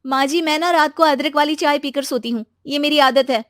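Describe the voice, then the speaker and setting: A woman voicing a spirited, outspoken young woman in an animated family story. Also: high-pitched, fairly quick, no echo, clean studio sound, pitched above the performer's own voice, natural voice. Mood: polite, pleading. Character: spirited, free-thinking young woman about to marry.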